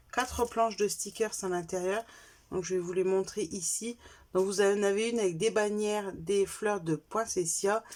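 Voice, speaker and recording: A woman's voice: mid-range voice, a little mellow. A woman with a French accent, chatting casually as she shows her craft purchases one by one, correcting herself as she goes. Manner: chatty, self-correcting, lists items one by one. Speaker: craft vlogger showing purchases. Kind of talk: casual show-and-tell haul.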